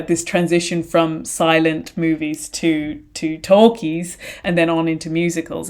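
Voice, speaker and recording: Thoughtful low-voiced woman podcaster. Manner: thoughtful, wandering sentences with frequent restarts. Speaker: podcast co-host. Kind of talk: casual conversational podcast chat.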